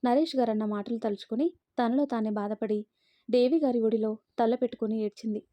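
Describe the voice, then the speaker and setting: A woman narrating a family story in a steady, even manner. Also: on the high side, fairly quick, dry recording, lo-fi sound.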